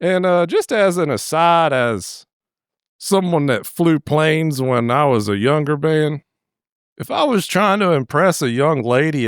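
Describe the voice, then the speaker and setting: A man's voice: medium pitch, clean tone, no echo, studio quality. A middle-aged man rambling through a crude, folksy movie recap, full of "uh" and asides. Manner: rambling, crude, down-home, lots of "uh". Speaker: channel host.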